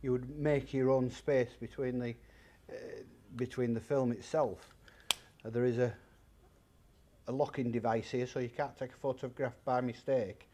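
At normal speed, a medium-pitched man speaks in a steady, dark tone over a little hiss or hum. He runs a secondhand shop, is in his fifties, and in an interview at a big indoor furniture warehouse he demonstrates old items, chattily and plainly explaining prices step by step.

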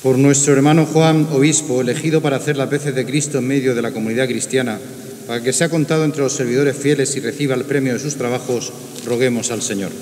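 A man reading the prayers of the faithful at a funeral mass in a steady, formal way, his voice echoing through the cathedral. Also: medium pitch, fast talker. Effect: cathedral echo. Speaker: reader of the intercessions. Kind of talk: reading liturgical petitions. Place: large church at a funeral mass. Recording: long cathedral reverb with faint hiss.

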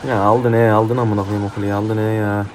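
A man's voice: on the low side, little pitch movement, brisk, a little mellow, a little hiss or hum. A young man commentating his own mobile game match, swearing heatedly and trash-talking his opponents. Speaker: gaming YouTuber. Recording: faint game music behind.

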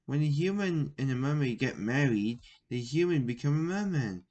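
A man's voice: medium pitch, animated, normal speed, a little mellow, natural voice. A man reading out the lines of a sweet, clingy young mermaid, in his own voice with small stumbles. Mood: eager. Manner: lightly voiced read-aloud dialogue with stumbles.

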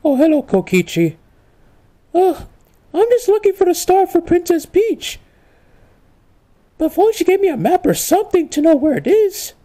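A woman's voice: extremely high pitch, sing-song, normal speed, long pauses, warm tone. A woman voicing an earnest, flustered male cartoon video game hero in an amateur comedic role-play, hesitant and exclaiming. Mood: puzzled.

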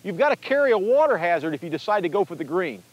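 A man's voice: sits high, big pitch swings, fast talker, slightly rough, muffled recording. A man hosting a golf instruction infomercial as a teaching pro, speaking outdoors on the course.

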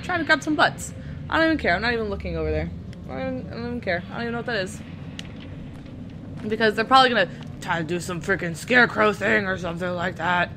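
A woman's voice: medium pitch, fast talker, background noise. A young woman doing let's-play commentary, sarcastic, swearing and talking back to the game characters. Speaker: gaming channel host.

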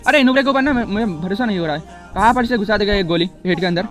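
Soft music plays under this young male YouTuber's casual commentary as he games. Excitable and hyper, he speaks at a very high pitch and rattles off the same words again and again.

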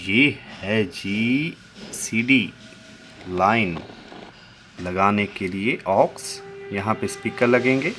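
A man's voice: on the low side, extremely slow. A man running an antique shop, giving a casual, joking demo of an old tape recorder. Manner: chatty and jokey, mixing Hindi and English asides; talks softly so someone outside won't hear. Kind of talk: casual product demo vlog. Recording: noisy room recording.

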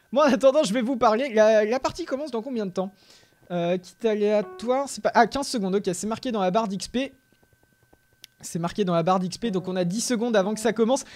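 Commenting live on his game, a YouTuber with a high-pitched voice talks steadily and lets out shouts and yelps during fights.

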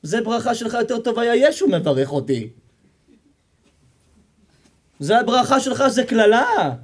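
A man, a rabbi, giving a sermon full of stories, acting out the characters and joking with the audience. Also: very high voice. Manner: animated storytelling, acts out characters, jokes and quizzes the audience. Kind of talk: sermon with storytelling.

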